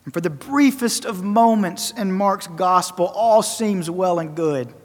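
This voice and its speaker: Man, preacher, high voice, emphatic rhetorical sermon, long echoing church reverb. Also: measured pace. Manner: emphatic, repeats phrases for effect, swings loud and soft.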